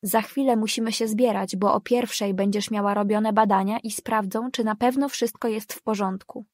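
A woman's voice: medium pitch, fairly even intonation, normal speed, a little mellow, dry recording, clean studio sound, close to an everyday voice. A woman reading the lines of a heartbroken, tearful middle-aged father in an audiobook, subdued and shaky. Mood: calm.

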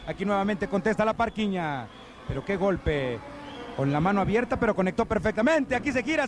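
A man with a Mexican accent, a wrestling commentator giving animated live lucha libre commentary and exclaiming over the moves. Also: sits high. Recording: noisy old TV broadcast, arena ambience.

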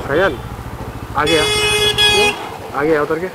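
Young man narrating a motorcycle ride over loud engine roar. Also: a little high, steady tone, takes it slowly. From Uttar Pradesh, India. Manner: chatty and upbeat, talking to viewers while riding. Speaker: motovlogger. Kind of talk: casual riding commentary. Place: outdoors on a motorcycle, town streets. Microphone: helmet-mounted action camera. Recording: loud engine and wind noise.

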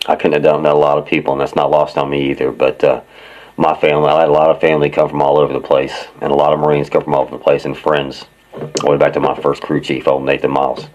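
A man who is a retired Marine and hosts a channel, talking casually to his viewers in a plain-spoken, halting way with many fillers. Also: a bass voice, flat delivery, darkish tone, dull audio. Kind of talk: casual talk to camera.

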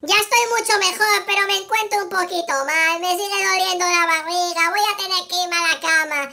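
A performer voicing an excitable little male cartoon kitten chef, exclamatory and childlike, presenting a game to young viewers. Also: very high-pitched, brisk, heavily acted. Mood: sorry, queasy. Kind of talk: children's video game showcase, acted narration.

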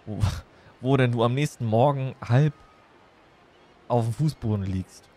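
Streaming a game, a German man chats in a casual, playful way, drifting from one thing to the next. He has a medium-pitched, dark-toned voice and speaks at a measured pace.

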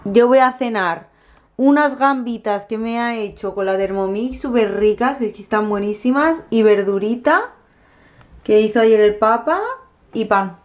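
A slightly high-voiced woman in her thirties speaks at a measured pace, chatting casually to the camera as she eats at her dinner table for her family vlog. She's soft-spoken and chatty and often restarts her thoughts. It's a small indoor room, recorded by a camera at close range on the table, with a tinny, phone-like sound.

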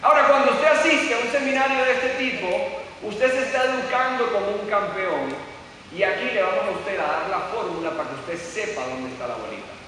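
A man's voice: high voice, lively intonation, a little fast, sharp tone, slight background noise. A middle-aged man giving a motivational seminar talk, telling stories and firing rhetorical questions at the audience. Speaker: seminar speaker. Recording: echoey hall from far off.

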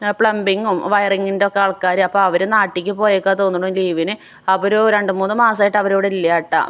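Young pregnant woman, fast and chatty family vlogger, middle pitch. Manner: chatty, homely, adds tag words to sentences. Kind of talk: casual vlog narration.

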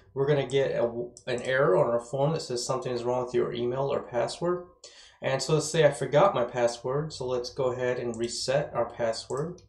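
A man's voice: mid-range voice, darkish tone. A man in his thirties giving a casual, enthusiastic screencast tutorial as an instructor, his speech slightly slurred as if numb from the dentist. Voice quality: slightly slurred, numb-mouthed from dental work. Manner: enthusiastic, informal. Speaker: web development course instructor. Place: small indoor room with bare walls. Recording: roomy, echoey indoor sound.

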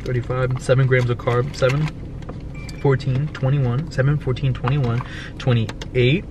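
A man's voice: mid-range voice, level tone, unhurried, noisy background. A young man bantering in a parked car, joking, complaining and swearing. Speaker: vlogger's gym partner. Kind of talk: casual banter.

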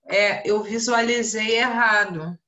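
A woman teaching English in a live online class with a Brazilian Portuguese accent, explaining exercises slowly with many fillers and tag questions. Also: mid-range voice, fairly even intonation, bright, forceful tone, slight background noise. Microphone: video call.

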